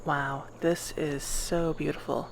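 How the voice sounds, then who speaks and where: A woman's voice: low voice, level tone, slow, creaky, slight background noise. A woman doing in-character roleplay narration over gameplay, chatty and rambling as she wonders aloud. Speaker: roleplay gamer.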